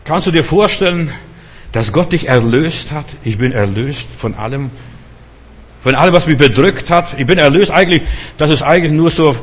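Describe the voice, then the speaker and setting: Husky middle-aged male preacher. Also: medium pitch, a bit bright. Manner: urgent, repeated rhetorical questions. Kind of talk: sermon.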